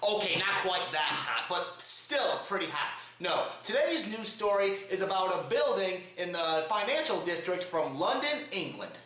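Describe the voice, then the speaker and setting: In a roomy, echoing home setup, a man plays the over-the-top host of a comedic news show, addressing the camera. His high-pitched voice is sing-song, bright and forceful, moving at normal speed with hardly any pauses.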